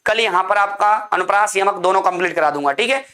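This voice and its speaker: Bright-voiced man teaching a class. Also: high-pitched, quick pace. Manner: repetitive question-and-answer drilling; calls students "beta". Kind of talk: online class lecture.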